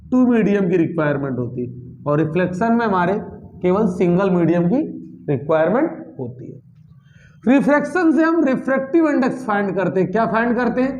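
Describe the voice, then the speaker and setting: High-voiced man teaching physics. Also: darkish tone, highs cut off, a little hiss or hum. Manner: asks the class questions and answers them himself, calls students "beta"; mixes English terms into Hindi, repeats key words. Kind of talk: classroom lecture.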